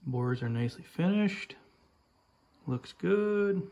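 A man giving a relaxed, plain-spoken update while filming his own project in a home garage on a handheld phone. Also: on the high side, slow pace. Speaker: tractor restoration vlogger. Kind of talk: casual workshop update. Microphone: handheld phone camera, filming while talking.

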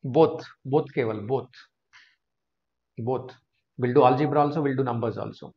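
A test prep teacher in his thirties, with an Indian English accent and a mid-range voice at a moderate pace, teaches a live online class from a small room. He chats with viewers by name, picked up by a webcam in the corner of a screen share, and the stream audio is slightly dull and lo-fi.

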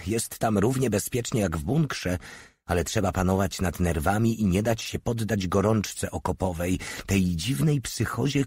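A man narrating an audiobook in a steady, measured reading. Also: deep voice, breathy edge, no room sound, clean studio sound. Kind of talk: scripted narration.

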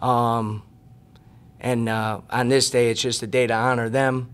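A man's voice: mid-range voice, little pitch movement, measured pace, clear, resonant tone. A man in his forties, a head basketball coach giving earnest, emphatic postgame answers at a press room table mic, often repeating words as he thinks. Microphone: table mic on a stand.

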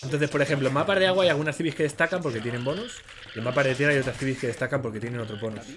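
A man's voice: mid-range voice, rapid-fire, crowd noise. A man with a Spain Spanish accent giving casual, slangy live commentary as he streams a ranked strategy game and talks to his viewers. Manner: chatty, slangy, talks to viewers while playing.

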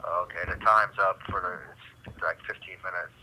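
A man's voice: low voice, fairly even intonation, normal speed, sharp tone, a little hiss or hum. A man who is in jail, speaking over a prison phone line, laid-back, giving short easygoing replies. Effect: heard over a prison phone line. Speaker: jail inmate on a phone call.

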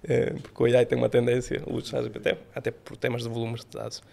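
Speaking fast in a gravelly, medium-pitched voice, a man who isn't a native Portuguese speaker explains things as an AI company CEO guest. His conversational interview answers are animated, with both hands gesturing. The setting is a podcast studio room with sofas, captured by a boom-arm studio mic.

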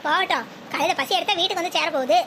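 A woman's voice: extremely high pitch, racing, noisy background. A woman voicing a spiteful, scheming old grandmother in a cartoon, scornful and scolding.

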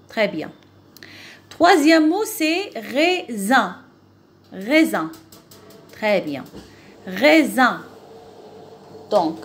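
A woman teaching children the sounds of letters. She speaks very slowly and deliberately. Her voice is fairly high and swings widely as she repeats each word. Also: darkish tone. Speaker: French teacher. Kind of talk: phonics lesson for children.

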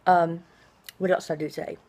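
Low-voiced woman with drawn-out, hissing s sounds. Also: flat delivery, darkish tone. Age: middle-aged. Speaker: vlogger. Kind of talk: casual personal video diary. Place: small indoor room at home.

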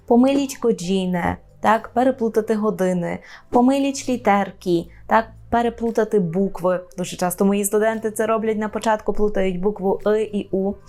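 A woman teaching an online language lesson, explaining slowly and repeating each phrase with a frequent checking "right?". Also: on the high side, darkish tone.

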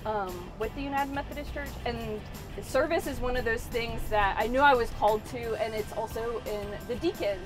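A woman's voice: on the high side, moderate pace, music in the background. A young woman, a pastor, chatting casually with many fillers and restarts, speaking into a lapel mic inside a van. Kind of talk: casual chat.

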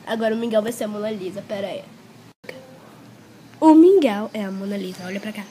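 A woman's voice: medium pitch, brisk, warm tone. A young woman, chatting playfully at home while testing a tablet app and calling to her pet, full of exclamations. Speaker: vlogger. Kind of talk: playful self-filming chat. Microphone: tablet built-in mic. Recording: noisy home tablet recording.

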